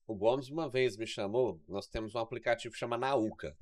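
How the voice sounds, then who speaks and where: A man's voice: medium pitch, brisk, no room sound, studio quality. A man with a Mineiro Brazilian accent, chatting casually on a podcast as an exercise science guest and telling stories full of acted-out quoted dialogue. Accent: Mineiro Brazilian Portuguese.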